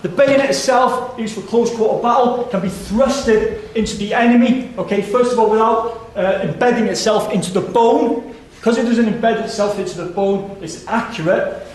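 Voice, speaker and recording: Male instructor, high-pitched firm demonstration, very echoey hall. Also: normal speed, darkish tone, a little hiss or hum. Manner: firm, explanatory. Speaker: weapons instructor. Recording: very echoey room.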